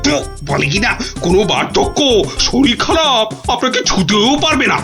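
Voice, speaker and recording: A pompous cartoon king with a very swinging, animated voice, commanding and quick to flare into anger, as an actor plays him. Music is clearly heard behind him. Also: mid-range voice. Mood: angry. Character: pompous, hot-tempered king. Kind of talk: cartoon voice acting.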